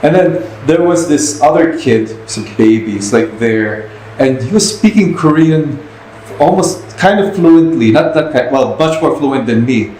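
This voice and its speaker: A podcast host tells anecdotes in a casual, rambling interview chat, often restarting his phrases. His voice is medium-pitched and animated, with a darkish tone and a measured pace. The room is echoey, with faint noise.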